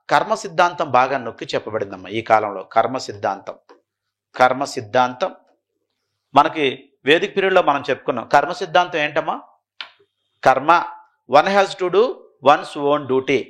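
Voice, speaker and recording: Man lecturing, repeating points slowly. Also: on the high side, a bit bright. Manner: repeats key phrases slowly for note-taking, mixes English terms; asks questions and answers them himself. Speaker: history teacher. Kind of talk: classroom lecture.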